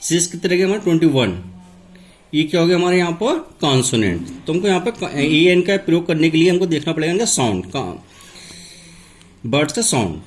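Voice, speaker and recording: A man teaching English grammar. He asks a question and then answers it himself. He repeats each key word slowly, like a classroom teacher. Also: a little high, big pitch swings. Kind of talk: classroom lesson, step-by-step explanation.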